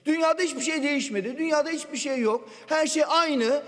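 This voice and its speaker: A man's voice: very high voice, a little fast, a bit bright. A man giving a parliamentary budget speech into a podium microphone, assertive and firing pointed rhetorical questions. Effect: speaking into a podium microphone. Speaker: member of parliament. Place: parliament general assembly hall. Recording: long reverb of a large chamber.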